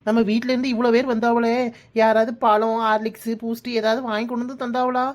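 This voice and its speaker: A cheeky young village woman in a cartoon voiced by a woman, a touch high, with a Kanyakumari Tamil accent. She grumbles and teases in a quick, everyday way. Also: little pitch movement, natural voice. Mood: complaining. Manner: complaining, teasing. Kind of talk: cartoon voice acting.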